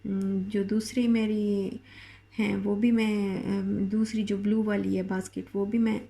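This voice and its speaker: A woman's voice: mid-range voice, little pitch movement, a little slow, vocal fry, mellow. A middle-aged woman from Pakistan with a Pakistani Urdu accent and a sore throat, chatting in a casual home vlog from her kitchen with many fillers and restarts. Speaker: vlogger.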